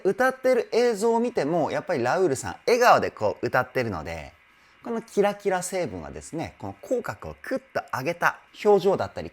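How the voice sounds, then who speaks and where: Very animated vocal coach with sweeping pitch. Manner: enthusiastic, exclaims in admiration between explanations; explains singing technique step by step. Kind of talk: reaction video with vocal analysis. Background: faint music from the video being reviewed.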